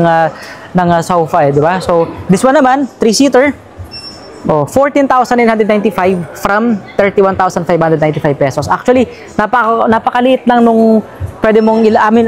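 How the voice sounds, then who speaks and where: A woman's voice: medium pitch, a little mellow. A woman with a Filipino accent, recording a casual walkthrough vlog. She talks in a chatty, upbeat way and reads out price after price. She leans on fillers and tag questions. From Philippines. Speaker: vlogger touring a store sale. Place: large indoor furniture store sale.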